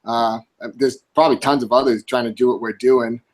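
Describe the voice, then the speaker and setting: A blogger in his twenties, guesting on a podcast, chats casually, laughs easily, and says "like" a lot. His mid-range voice is steady and a little fast.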